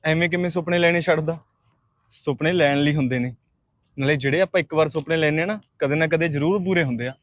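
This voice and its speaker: A man's voice: on the high side, fast, no room sound, natural voice. A man playing an earnest young suitor. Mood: pleading. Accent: Punjabi. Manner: earnest, apologetic, persistent. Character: young man in love, pleading with a nurse. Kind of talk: short film acting.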